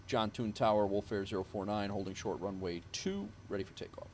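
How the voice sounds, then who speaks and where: A man with a fairly low voice works through pilot radio calls on a cockpit headset. His delivery is clipped and formal, in crisp aviation phrasing. A steady hum of noise sits behind him. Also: brisk. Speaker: virtual airline pilot streamer. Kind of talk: flight-sim radio calls. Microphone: headset mic.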